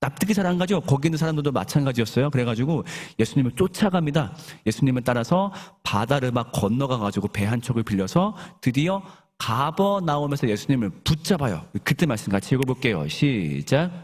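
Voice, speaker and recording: Lively husky-voiced male preacher. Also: medium pitch, a little fast, few pauses. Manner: questions the congregation and leads group Bible reading; conversational, animated storytelling. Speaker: pastor. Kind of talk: sermon.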